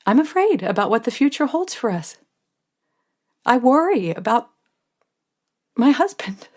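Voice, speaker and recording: A slightly high-voiced American woman performs the role of a devoted, stressed mother of a young daughter in a first-person audio drama. Her delivery is confiding and expressive, alternating between tenderness and exasperation.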